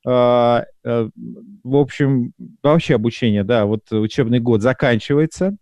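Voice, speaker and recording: A middle-aged male host with a dark, mellow voice, hesitating often and stretching his filler sounds as he leads a live broadcast. The sound is dry and close, with no room around it. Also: medium pitch, no room sound. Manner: hesitant, many drawn-out fillers. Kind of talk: hosting a live broadcast talk show.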